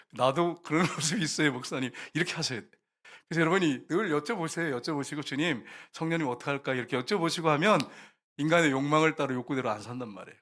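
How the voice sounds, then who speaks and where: A man's voice: fairly high pitch, fairly bright tone. A man preaching a sermon as a pastor, talking with the congregation, asking them questions and acting out quoted prayers. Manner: conversational, asks the congregation questions and answers them himself; acts out short quoted prayers and complaints.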